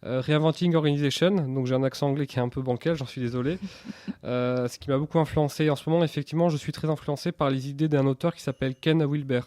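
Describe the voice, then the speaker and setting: A man's voice: mid-range voice, fairly even intonation, fast talker, dark tone, no echo. A man, giving candid interview answers earnestly and hesitantly, often repeating words mid-sentence. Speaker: interview guest, entrepreneur.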